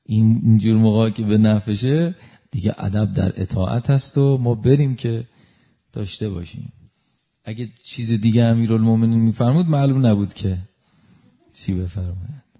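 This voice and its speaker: A man preaching a devotional sermon through a story, emotive, swinging from loud exclamations to hushed asides. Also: fairly low pitch, highs cut off.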